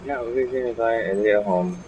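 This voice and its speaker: Playing through a game, this male streamer rambles casually and mutters to himself a lot, speaking fairly quickly in a mid-range voice. The background is noisy, the mic slightly dull, and game music plays behind him.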